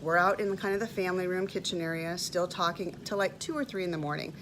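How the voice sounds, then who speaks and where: A woman's voice: lowish voice, fast talker, background noise. Emotional woman in her fifties telling a story. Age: 50s. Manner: animated, emotional storytelling with repeated words. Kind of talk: personal testimony vlog.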